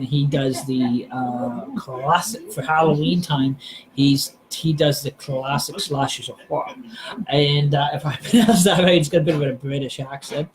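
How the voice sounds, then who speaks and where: A man's voice: medium pitch, a little hiss or hum, poor audio. A man hosting a live stream, chatting casually and hesitantly, with many fillers and restarts. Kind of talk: casual rambling chat.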